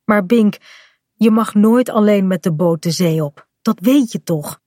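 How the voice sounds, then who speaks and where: A woman voicing a calm, firm mother in a children's storybook reading, with a reassuring manner. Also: medium pitch, measured pace, no echo, clean studio sound, close to an everyday voice. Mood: stern.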